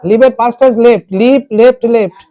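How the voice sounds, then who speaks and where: A tutor explaining an English text in Bengali, reading lines slowly and asking students word meanings. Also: female voice, a little high, fairly even intonation, mellow, dry recording. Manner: asks students questions and repeats word meanings. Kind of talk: classroom lesson explaining a text.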